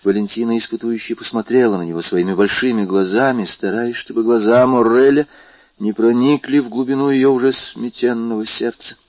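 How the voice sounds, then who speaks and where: A man narrating a classic novel in a measured, literary reading. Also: medium pitch, fairly even intonation, darkish tone, no room sound. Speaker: audiobook narrator. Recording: dull lo-fi recording.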